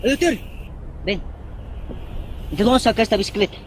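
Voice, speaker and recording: A crafty village trader with a Bolivian Spanish accent, scolding and haggling in a film scene. His voice is fairly high, with faint background noise. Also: animated, moderate pace. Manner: scolding, bossy. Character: sly village bicycle trader, scolding and bargaining. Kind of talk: film acting.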